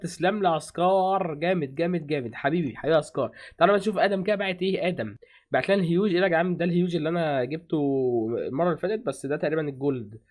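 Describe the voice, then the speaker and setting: Fast-talking Egyptian gaming streamer man. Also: fairly high pitch, a little mellow. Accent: Egyptian Arabic. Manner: chatty, rapid-fire thanks to donors. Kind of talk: casual game commentary.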